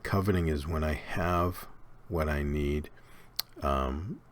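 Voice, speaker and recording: Very deep-voiced man teaching Bible study. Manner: unhurried, conversational, with fillers and restarts.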